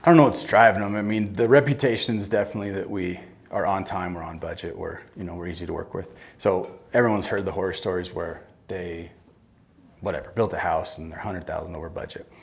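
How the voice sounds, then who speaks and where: A man's voice: sits low, steady tone, fairly quick, vocal fry. A middle-aged man, a builder who owns his company, answering interview questions on stage in a blunt, plain-spoken way. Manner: blunt, plain-spoken, restarts mid-sentence. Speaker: construction company owner, guest. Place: event room with audience.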